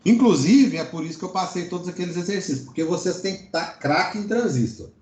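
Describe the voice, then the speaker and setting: This Brazilian man teaches electronics online in a casual style, his high, slightly mellow voice expressive and fairly quick. He explains as he goes and often slips in brief check-in tags, and the class audio is roomy and echoing.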